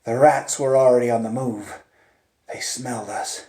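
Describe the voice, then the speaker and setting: Steady in tone and mid-pitched, the male storyteller unhurriedly narrates a live suspense tale in the first person. Theatrical swings take him from hushed near-whispers to loud urgent peaks, with deliberate dramatic pauses and repetition, heard in a roomy, echoing space.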